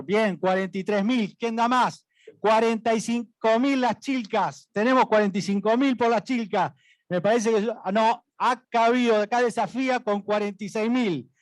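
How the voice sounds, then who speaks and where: A man's voice: high-pitched, no room sound. A man with an Argentine accent working as an auctioneer, calling out rising bids, repeating prices and prompting for more.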